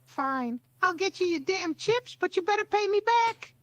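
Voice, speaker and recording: A woman's voice: very high voice, lively intonation, moderate pace, a bit bright, no room sound, muffled recording. A woman's synthetic voice playing an exasperated, put-upon young man who complains as he grudgingly goes along with the demands. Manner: whiny, complaining, grudgingly obeys. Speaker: AI role-play partner.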